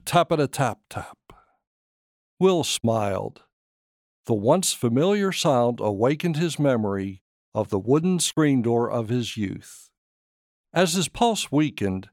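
A man with a mid-range voice reads his own short story as scripted narration, measured and expressive like a storyteller. The recording is clean studio sound with no room sound.

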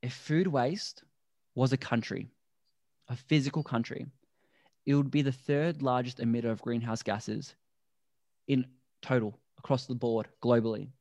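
A man's voice: mid-range voice, fairly even intonation, mellow, no echo. Earnest man, dry close sound. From Australia. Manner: earnest, explanatory, talks deliberately slow. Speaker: podcast guest, endurance athlete. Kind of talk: conversational interview.

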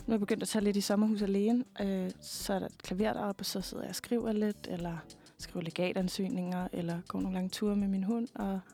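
A young woman in her twenties, a guest singer, chatting casually in an interview, relaxed and hesitant with many fillers. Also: mid-range voice.

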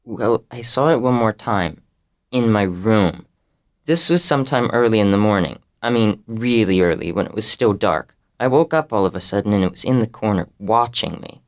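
A woman voicing a nervous hushed young boy. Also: very deep voice, expressive, normal speed, voice pushed down.

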